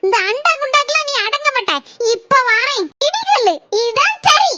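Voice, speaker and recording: A woman's voice: very high-pitched, very animated, moderate pace, over loud music. A woman with a Kanyakumari Tamil accent voicing a brash, hot-tempered young village wife in a cartoon. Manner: brash, defiant.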